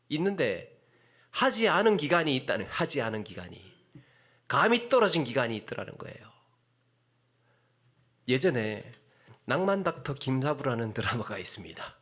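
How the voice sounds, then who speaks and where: A middle-aged man preaching a sermon as a pastor, telling a story with sudden hushed drops and sharp rises for emphasis. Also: on the high side.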